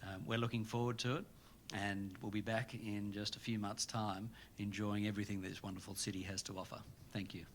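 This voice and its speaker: A man with a low voice delivers a formal press-event speech as a rugby union official. His pitch stays level and even throughout. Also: brisk, a little hiss or hum.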